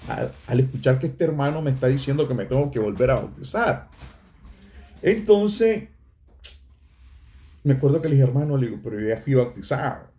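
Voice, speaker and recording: Earnest middle-aged Nicaraguan man, mellow voice. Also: medium pitch, animated, normal speed, long pauses. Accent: Nicaraguan Spanish. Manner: earnest, emotional, addresses listeners as brothers. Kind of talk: personal faith testimony.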